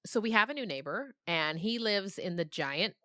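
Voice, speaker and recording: This woman novelist, interviewed here, has a medium-pitched, sharp-toned voice with lively intonation and a normal speaking speed. She tells stories conversationally and emphatically, regularly checking in with her listener, in an echo-free studio-quality recording.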